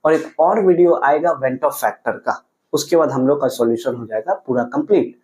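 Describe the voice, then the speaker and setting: A man's voice: mid-range voice, moderate pace, darkish tone, rough recording. A man teaching chemistry, asking questions and answering them himself. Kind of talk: classroom lecture.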